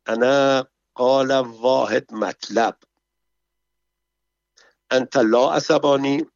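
A man plays a drunk, boastful courtier who slurs his way through broken Arabic at a slow drawl. The voice sits a little above the reader's own. The recording is dull and dry. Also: medium pitch, steady tone, creaky, dry recording, natural voice. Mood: confiding.

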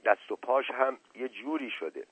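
A man voicing a soft-hearted, worried village man who pleads. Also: mid-range voice, expressive, slightly rough, no echo, voice pushed up. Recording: tinny phone-like dry recording.

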